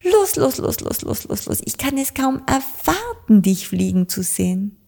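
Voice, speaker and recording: A woman's voice: high-pitched, a little slow, vocal fry, pitched above the performer's own voice, full character voice. Woman putting on a bubbly little witch. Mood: excited, encouraging. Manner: eager, excited encouragement. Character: little witch girl, cheerful and encouraging. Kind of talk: children's audiobook reading.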